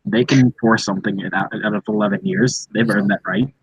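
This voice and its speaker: A man guest in casual podcast chat, calmly making his point. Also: lowish voice, a little fast, breathy edge. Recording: dry, dull lo-fi mic.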